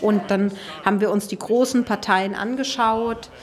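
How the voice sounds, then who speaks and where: A woman teacher chats through how she prepared her lessons, explaining step by step. Her voice sits at an ordinary middle pitch. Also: steady tone, moderate pace. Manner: chatty, explaining. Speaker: language teacher. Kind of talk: interview.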